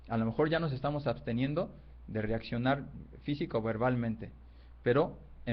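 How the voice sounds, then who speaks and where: A man's voice: mid-range voice, muffled recording. A man teaching a meditation workshop and telling a fable, speaking conversationally, with restarts and frequent tag questions. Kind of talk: storytelling lecture.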